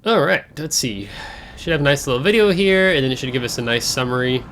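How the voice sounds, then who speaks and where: A man's voice: medium pitch, lively intonation, fast talker, a bit bright. A man hosting a casual game overview, talking in a chatty, rambling way with fillers and self-corrections, his voice a bit congested from air travel. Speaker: gaming channel host.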